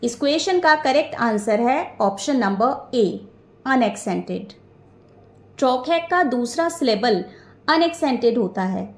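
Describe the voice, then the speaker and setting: A young woman with an Indian English accent, teaching an exam quiz lesson. She reads each English question slowly and deliberately, then explains it in Hindi. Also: on the high side, expressive, roomy sound.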